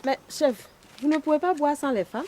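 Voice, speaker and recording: A woman's voice: sits high, normal speed, background noise, natural voice. An actress playing an outspoken village woman who coached the chief, with a Burkinabè French accent. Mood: coaxing.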